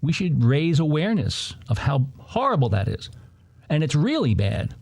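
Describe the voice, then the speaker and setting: A male commentary host from New Jersey with a lively, swooping voice. He rants sarcastically, jumping between mockery and exasperation. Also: fairly high pitch, normal speed, vocal fry. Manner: sarcastic, heated, mocking asides. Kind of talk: opinionated political commentary.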